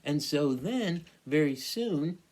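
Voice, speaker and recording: A man's voice: fairly high pitch, expressive, slow, darkish tone. A middle-aged man, an English lecturer, explaining a poem in a conversational, storytelling way. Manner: conversational, storytelling with acted-out quotes. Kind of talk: recorded literature lecture.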